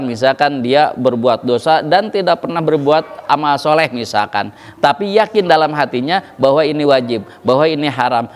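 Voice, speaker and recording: A man preaching an evening religious study sermon, lively and jokey, chanting Arabic verses slowly. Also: a little high, big-room sound. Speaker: Islamic preacher.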